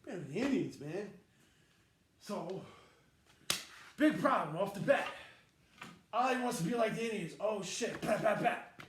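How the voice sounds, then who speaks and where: A man rambling in a profane, animated monologue, swinging from mumbling to shouting. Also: high-pitched, measured pace, long pauses. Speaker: vlogger. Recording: roomy echo with faint noise.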